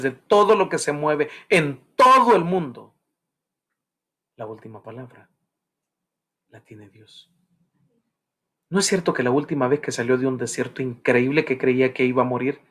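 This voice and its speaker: A man preaching a sermon in church, building to fervent questions and jokes for the congregation. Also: medium pitch. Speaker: pastor.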